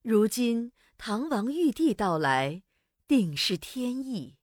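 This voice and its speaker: A man voicing a regal young queen who speaks softly and stately. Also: very high voice, sing-song, slow, dry recording, studio quality, voice pushed up, exaggerated voice. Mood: pleased.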